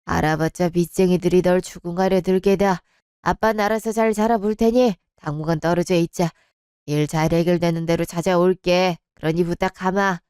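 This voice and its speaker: A woman voicing a resigned middle-aged father who speaks low and heavy in old-fashioned phrasing. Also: fairly even intonation, normal speed, a little mellow, clean tone, dry recording, clean studio sound, lightly acted. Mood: somber.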